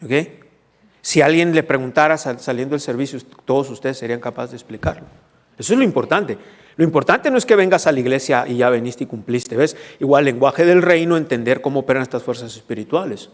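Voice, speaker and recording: A man preaches a teaching sermon at a middle pitch. He explains verses point by point and keeps checking that the congregation follows. His voice rings with the long reverb of a church hall. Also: expressive, a little fast. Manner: teaching, asks the congregation questions. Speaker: pastor.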